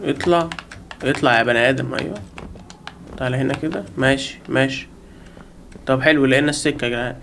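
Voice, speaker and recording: شاب بلهجة مصرية يعلق على لعبة رعب وهو يلعب، يصرخ ويهزر مع المتابعين. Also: male voice, medium pitch, quick pace, gravelly, long pauses, slight background noise. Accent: Egyptian Arabic. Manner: panicky, yelling in bursts while being chased; jokey, talks to viewers and the game. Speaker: gaming channel host. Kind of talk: live horror game commentary.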